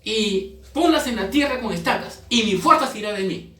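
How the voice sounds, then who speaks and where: A man's voice: high voice, expressive, moderate pace, a bit bright, pitched above the performer's own voice. A preacher voicing Samson, a strong young man, with a raised, emphatic delivery in an echoey room. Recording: echoey room, mic far off.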